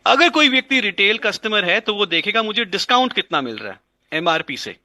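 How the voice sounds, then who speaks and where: A man's voice: sits high, big pitch swings, a little fast, bright, forceful tone, no echo. A man explaining a business plan in an interview, mixing in English and repeating phrases for emphasis. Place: indoors at a dining table.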